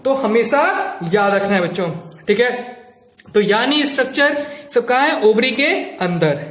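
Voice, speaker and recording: Man, very high voice, biology teacher, repetitive quizzing, echoey room. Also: animated, a little slow, fairly bright tone. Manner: repetitive, quizzing students with questions. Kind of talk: classroom lecture.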